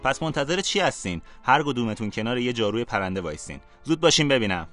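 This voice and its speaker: A man voicing a strict, gruff female flying teacher who barks orders, raised high above his own voice. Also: big pitch swings, sharp tone, soft background music. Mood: bossy.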